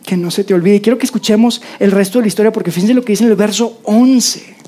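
Una predicadora con acento mexicano da un sermón en tono conversacional e imita las voces de los personajes bíblicos. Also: female voice, mid-range voice, fast talker, dark tone. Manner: conversational, acts out voices of biblical figures. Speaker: preacher. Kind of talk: sermon.

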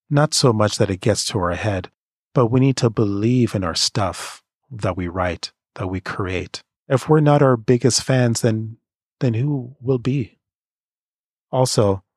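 A man from Canada, giving creative career advice in an earnest, measured motivational monologue. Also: medium pitch, darkish tone, no room sound, clean studio sound.

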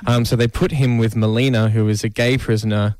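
A man's voice: on the low side, fairly even intonation, fairly quick, a little mellow, dry recording. A man, a musical theatre actor, talking enthusiastically and casually in a radio interview.

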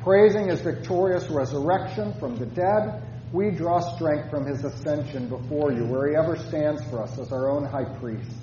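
A man leading formal church prayers as a pastor, in a solemn, measured manner. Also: on the high side, reverberant. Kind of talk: formal liturgical prayer and chant. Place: church service. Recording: muffled church recording with faint noise.

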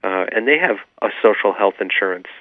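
A man's voice: on the low side, expressive, fairly quick, no room sound. Man explaining earnestly over a phone line. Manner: earnest, explanatory, many "you know" fillers. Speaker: author and interview guest. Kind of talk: remote radio interview.

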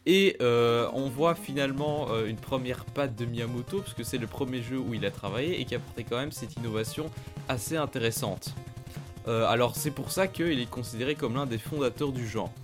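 A man's voice: medium pitch, moderate pace, music in the background. A man hosting a casual retro gaming podcast discussion, talking with many hesitant fillers. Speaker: podcast host.

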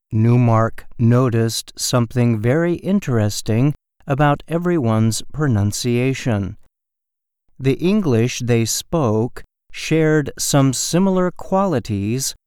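A man reading a scripted educational report in a careful, measured and deliberate way. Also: medium pitch, darkish tone, clear, resonant tone, no room sound, studio quality. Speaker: narrator of a learning-English news report. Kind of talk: slow, careful scripted narration.

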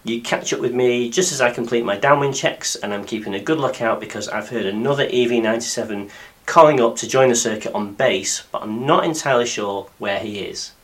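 A man with a deep, croaky voice, hoarse from illness, presenting a scripted podcast narration as a pilot and host. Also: fairly quick. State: croaky after a week of flu-like illness.

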